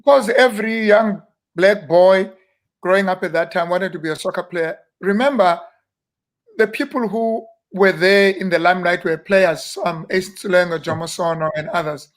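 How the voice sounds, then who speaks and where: South African man reminiscing, fairly high voice. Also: normal speed. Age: 50s. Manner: relaxed storytelling with self-deprecating humor. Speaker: guest minister. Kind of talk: casual interview reminiscing.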